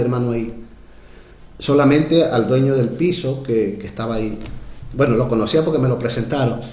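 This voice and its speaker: A man preaching a sermon as pastor, urgent and heartfelt, surging loud then dropping to quiet asides as he keeps calling out to his brothers and sisters. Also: echoey room. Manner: impassioned, swings from loud rises to low quiet asides, keeps addressing "hermanos".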